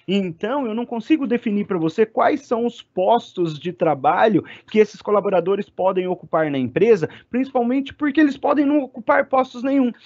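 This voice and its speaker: A man giving an online class lecture, talking fast and animated and getting loud when excited. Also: high-pitched, dry recording. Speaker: university lecturer. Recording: dry, slightly muffled sound.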